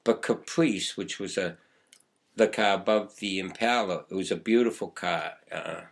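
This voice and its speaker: An older man talks in a fairly low voice. He rambles through his memories in an easy, conversational way, often chuckling. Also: normal speed, vocal fry. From Boston, USA. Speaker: guest poet. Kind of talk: casual interview chat.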